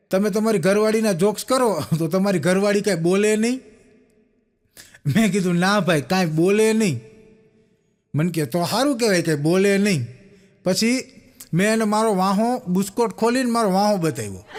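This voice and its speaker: On a live stage in front of an audience, a young stand-up comedian with a high-pitched voice delivers Gujarati folk jokes. He tells them with animation, playing out each quoted character himself.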